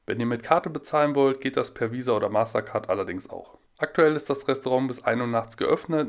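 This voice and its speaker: A man from Germany narrating a casual travel vlog in a relaxed, chatty way, full of small fillers. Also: medium pitch. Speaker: vlogger.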